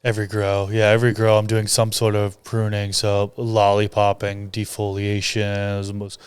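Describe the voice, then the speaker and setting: A man co-hosting a podcast, speaking in an even, plain-spoken casual chat. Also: fairly low pitch, moderate pace, clear, resonant tone, no echo. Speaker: podcast co-host and book author.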